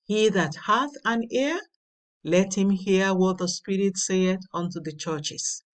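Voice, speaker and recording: A woman slowly reading a daily devotional with scripture passages, deliberate and emphatic. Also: medium pitch, recorded from a distance. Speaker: devotional reader. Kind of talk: slow read devotional with scripture.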